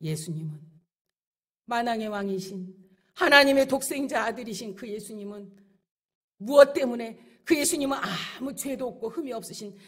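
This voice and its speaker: A woman's voice: on the high side, animated, moderate pace. A middle-aged woman pastor preaching a sermon with rising passion, acting out the people she quotes. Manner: impassioned preaching with acted-out quotes.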